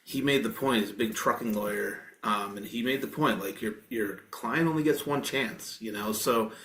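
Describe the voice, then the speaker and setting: A man's voice: fairly low pitch, moderate pace, fairly bright tone. A man in his forties hosting a podcast, talking in a loose, rambling way with many fillers and restarts. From Maine. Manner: rambling, frequent fillers and self-corrections. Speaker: podcast host. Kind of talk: casual interview chat. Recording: roomy echo.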